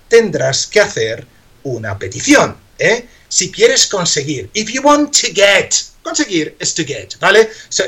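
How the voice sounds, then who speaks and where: A man with a Spain Spanish accent gives a live radio English lesson, moving between two languages at an unhurried, deliberate pace. His voice is bright and forward, and he drills each phrase over and over. He keeps checking in with his listeners as he goes. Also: high voice. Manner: repeats phrases slowly, tags lines with "¿vale?" and "¿eh?". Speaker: English teacher on a radio show.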